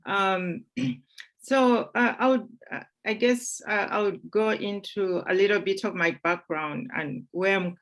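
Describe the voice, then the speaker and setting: A woman in her forties from Uganda, speaking as a guest at a panel discussion, measured with frequent fillers. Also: mid-range voice.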